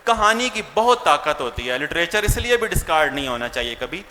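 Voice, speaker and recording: Pakistani male lecturer, high bright voice, quizzes his audience; echoey hall, faint hiss. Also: very animated. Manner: mixes Urdu with English words, asks the audience questions. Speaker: English teacher. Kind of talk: lecture to teachers.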